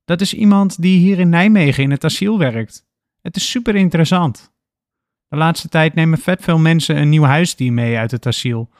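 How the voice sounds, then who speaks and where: A man's voice: fairly high pitch, moderate pace, no echo, clean studio sound, pitched above the performer's own voice, lightly acted. A man voicing a friendly but firm young female student who talks earnestly and can turn strict. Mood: eager. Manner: earnest, coaxing, turns strict.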